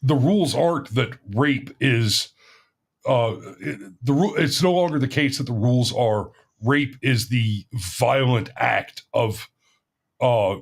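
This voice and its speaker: A man hosts an opinionated, casual talk show. His voice sits at a medium pitch. He speaks emphatically, often repeating a phrase to drive it in. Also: breathy edge.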